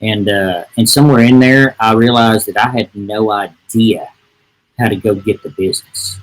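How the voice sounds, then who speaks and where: In a low-quality recording, a middle-aged man with a lowish, steady voice speaks at a moderate pace. A real estate agent and podcast guest, he rambles through a folksy bit of casual storytelling, restarting often with "and, uh."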